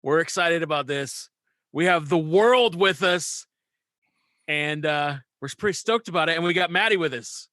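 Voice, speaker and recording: A man's voice: on the high side, moderate pace, bright, forceful tone, dry recording. A man from West Virginia hosting a podcast, upbeat and laughing often as he chats casually. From West Virginia, USA. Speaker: podcast host.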